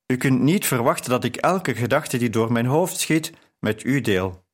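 Spirited young woman writer, read by a man, sharp retorts, indignant. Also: mid-range voice, lively intonation, moderate pace, natural voice.

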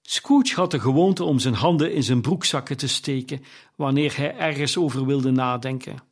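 Slow, measured male narrator. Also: mid-range voice. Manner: measured, unhurried. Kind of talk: audiobook narration.

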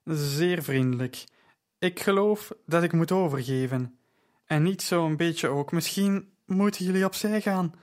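A man playing a drunk male stage actor, slurring, grandiloquent, slow, high voice. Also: natural voice. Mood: tipsy, grandiose. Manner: grandiloquent and formal.

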